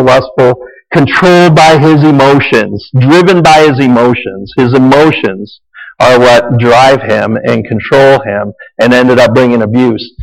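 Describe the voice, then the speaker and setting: In sermon-style teaching, a man with a creaky, mid-range voice preaches a Bible lesson, speaking conversationally and repetitively and dropping in offhand asides. The recording carries echoey hall reverb.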